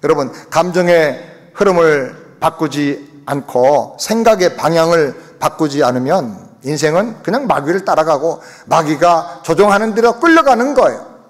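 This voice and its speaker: A man's voice: on the high side, lively intonation, normal speed. A man preaching a sermon as senior pastor, speaking emphatically to his congregation in a church sanctuary. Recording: long reverb of a church hall.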